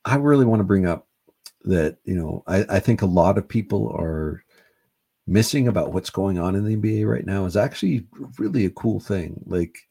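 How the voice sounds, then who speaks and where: A middle-aged man hosting a solo sports podcast, rambling in a relaxed way with many fillers, a little high. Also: moderate pace, creaky, husky. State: high on cannabis. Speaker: podcast host.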